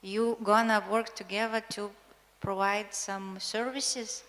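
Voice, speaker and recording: A woman's voice: medium pitch, level tone, slow, fairly bright tone. A woman in the audience asks the presenters a puzzled question. She sounds distant from the mic, and a long hall reverb follows her voice. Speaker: audience member asking a question.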